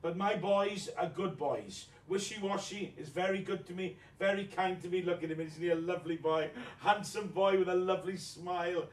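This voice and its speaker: A man's voice: high voice, normal speed, hardly any pauses, natural voice. A man playing a vain, flirtatious widowed mother as a pantomime dame, gushing, coy and gossipy, in a mock interview. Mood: fond, proud. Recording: echoey room, distant microphone.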